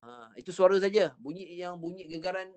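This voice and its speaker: High-voiced Malaysian Quran teacher, patient. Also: male voice, animated, a little mellow. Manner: patient, coaching with slow demonstrations of recited words. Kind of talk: online Quran reading lesson.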